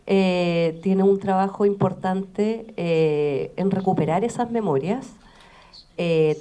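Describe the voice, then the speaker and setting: A woman, a memorial site administrator, giving a measured formal introduction with frequent pauses. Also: lowish voice, mellow.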